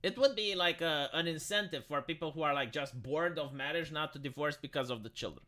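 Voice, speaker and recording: This live streamer's voice is a little high and a little fast, pushed and bright, with a tinny, metallic quality. Responding to comments in casual, opinionated chat, he argues back bluntly and swears.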